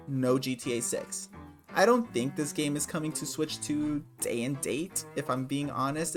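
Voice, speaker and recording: A man casually talking through his gaming predictions, sarcastic and swearing freely. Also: mid-range voice. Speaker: gaming video creator.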